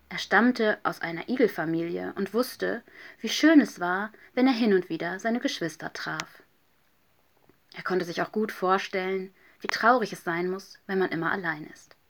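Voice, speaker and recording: A woman reading a children's story aloud, gentle and soft, often dropping to a whisper. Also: medium pitch.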